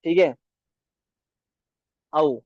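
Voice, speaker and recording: Slow, repetitive male language teacher. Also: a little high, no echo. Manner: slow, repeats words and asks "ठीक है?". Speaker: Arabic teacher. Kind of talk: beginner language lesson. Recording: dull, dry lo-fi sound.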